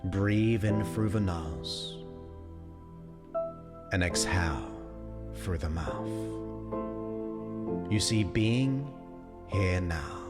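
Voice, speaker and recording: A man guiding hypnosis in a slow, soothing, mesmerizing way with long pauses. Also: deep voice, lively intonation, over loud music. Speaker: hypnosis coach and host. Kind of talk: guided hypnosis.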